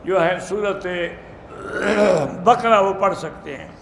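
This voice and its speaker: A man, an Islamic scholar, giving brisk, plain-spoken answers to religious questions in a question-and-answer talk. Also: high voice, gravelly, slight background noise. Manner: plain-spoken, brisk, matter-of-fact rulings. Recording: echoey room.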